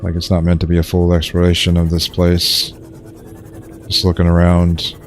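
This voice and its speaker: A young man offers offhand, low-key commentary on the survival game he's streaming, drifting through fillers and restarts in a monotone. He talks at a moderate pace with faint music behind.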